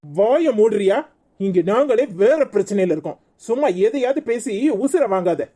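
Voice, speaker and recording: A woman's voice: medium pitch, moderate pace, warm tone, natural voice. A woman voicing an anxious, protective young husband in a cartoon, speaking with a Tirunelveli Tamil accent in a pleading, flustered way. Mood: exasperated. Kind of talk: cartoon voice acting.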